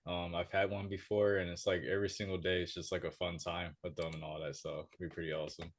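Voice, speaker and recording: Low, flat-voiced man rambling casually. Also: quick pace. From Pennsylvania. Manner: relaxed, rambling, full of fillers. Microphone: video call.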